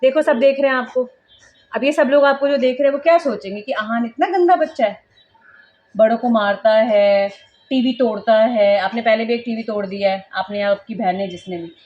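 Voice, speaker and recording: A woman's voice: on the high side, moderate pace, muffled recording. A woman mother vlogging at home, talking to camera in an emphatic, lecturing way and scolding her child now and then. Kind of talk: casual vlog talking to camera. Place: indoors at home.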